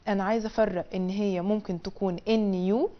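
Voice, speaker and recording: This fast-speaking woman keeps a steady tone while giving a TV language lesson from a studio, in lo-fi sound. With an Egyptian Arabic accent, she sings syllables in a high, sing-song drill, then walks through the explanation step by step in everyday Egyptian Arabic.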